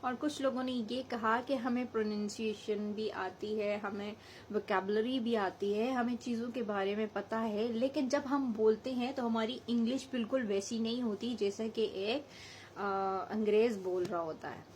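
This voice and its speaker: A woman's voice: a little high, steady tone, normal speed, darkish tone, slight background noise, rough recording. A woman from Hazara in Pakistan with a local accent, giving a chatty spoken English lesson and mixing English phrases into her explanations. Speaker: English teacher.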